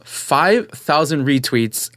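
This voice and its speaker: Excitable young man telling a story. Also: on the high side, slow pace, no room sound, clean studio sound. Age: young adult. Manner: animated, excitable storyteller, acts out quotes. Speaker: podcast guest. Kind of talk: casual storytelling chat.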